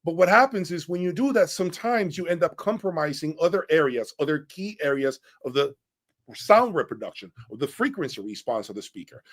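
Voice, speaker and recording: A man with a slightly high voice gives an informal, opinionated breakdown of audio gear, speaking bluntly and emphatically while often checking in with the listener.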